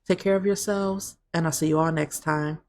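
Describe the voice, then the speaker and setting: A woman's voice: sits low, steady tone, moderate pace, a little mellow, a little hiss or hum. A woman hosting a let's play, chatting casually and storytelling as she narrates her game. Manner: chatty, storytelling, says "like" a lot.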